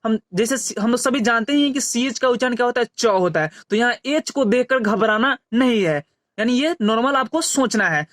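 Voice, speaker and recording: Very high male voice, patient phonics teacher who spells words out slowly, dry close recording. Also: animated, fairly bright tone, no echo. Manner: repeats questions and answers. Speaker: English teacher. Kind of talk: phonics lesson.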